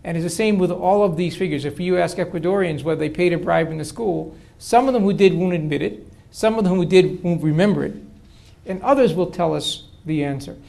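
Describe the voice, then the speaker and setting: During a university lecture Q&A, an older political science professor takes audience questions and answers them at length, often restarting. He speaks briskly in a high, creaky voice with a darkish tone.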